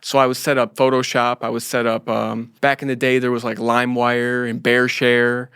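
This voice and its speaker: American male guest, late 30s, clear medium-pitched voice, dry sound, informal halting storytelling. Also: monotone, fairly bright tone, dry recording. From United States, grew up in Florida. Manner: halting, repeats phrases. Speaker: interview guest. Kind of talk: casual autobiographical storytelling.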